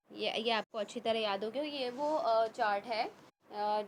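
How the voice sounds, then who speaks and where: A woman teaching a children's Quran class, explaining and reciting slowly and carefully. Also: fairly high pitch, a little hiss or hum. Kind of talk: children's tajweed lesson.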